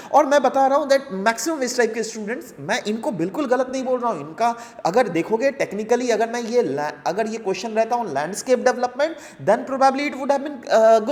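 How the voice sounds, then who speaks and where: Indian man teaching with a long reverb. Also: sits high. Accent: Indian English. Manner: conversational, checks in often with "right?" and "है ना?". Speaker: geography teacher. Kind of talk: explanatory lesson in mixed Hindi and English.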